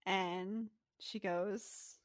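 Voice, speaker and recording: A woman's voice: mid-range voice, steady tone, extremely slow, no room sound, clean studio sound. A woman narrating a tabletop game as game master, describing scenes with small hesitations.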